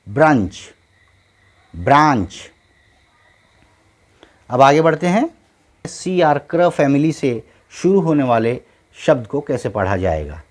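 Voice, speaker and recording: A man teaching English phonics, spelling out letters and sounding out each word, then repeating it patiently several times. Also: a little high.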